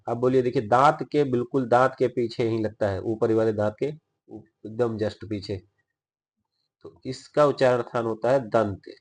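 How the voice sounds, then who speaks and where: Guy teaching pronunciation, says each syllable slowly and checks in a lot, regular mid voice. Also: medium pitch. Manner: demonstrates sounds by repeating syllables slowly; explanatory, checks in with "theek hai". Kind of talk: Hindi grammar lesson.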